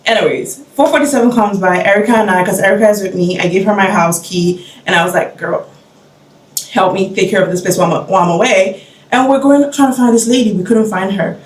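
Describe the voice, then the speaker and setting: A young woman vlogger excitedly retelling a travel mishap in a casual, dramatic storytelling way. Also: mid-range voice, fast. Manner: animated, dramatic retelling with frequent "okay?" asides. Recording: roomy sound, mic at a distance.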